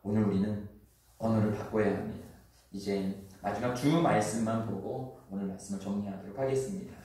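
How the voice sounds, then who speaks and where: A man's voice: fairly low pitch, fairly even intonation, brisk, mellow. A male pastor preaching a sermon, pressing emphatic rhetorical questions on the congregation and leading them in reading scripture together. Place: church sanctuary. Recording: echoey church hall, mic at a distance.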